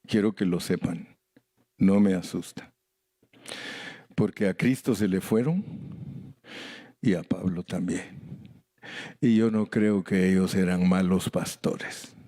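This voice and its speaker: A man's voice: low-pitched, slow, pauses often, dark tone, no room sound, clean studio sound. An older man preaching a sermon as pastor, emphatic and acting out conversations with sudden jumps in his voice. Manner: emphatic preaching that acts out conversations, voice leaping up for stress.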